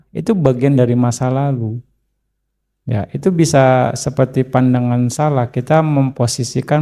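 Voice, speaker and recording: Male Buddhist monk for a dharma talk, gravelly low-lit tone, easygoing and chatty. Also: mellow. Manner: unhurried, conversational, frequent filler tags; acts out story dialogue with a raised voice. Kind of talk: dharma talk answering a question.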